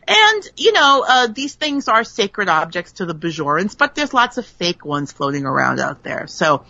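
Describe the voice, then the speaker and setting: A woman's voice: mid-range voice, no echo. A woman hosting a podcast, recapping an episode in a casual chat and laughing often as she tells it. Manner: laughs often, animated storytelling. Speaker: podcast host. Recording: slightly muffled dry recording.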